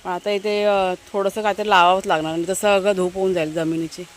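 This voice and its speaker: A woman from Maharashtra in casual vlog narration, chatty and explanatory as she speaks to viewers from an outdoor garden, now and then calling loudly to her dogs. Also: medium pitch, little pitch movement, a little fast, a little hiss or hum. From Maharashtra, India. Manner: calls out loudly to her dogs between remarks. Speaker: family vlogger.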